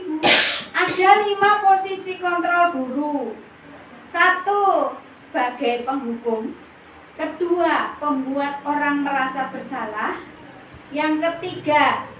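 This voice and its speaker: A woman's voice: sits high, fairly bright tone. A woman kindergarten teacher giving a workshop presentation to colleagues, explaining points in lists and acting out sample teacher lines. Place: school room. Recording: echoey room, mic far off, faint noise.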